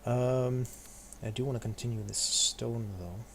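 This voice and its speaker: A man's voice: medium pitch, steady tone, measured pace, a bit bright. A man hosting a live game stream, chatting casually with viewers and narrating what he does. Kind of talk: casual live gameplay commentary and chat. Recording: clear background noise.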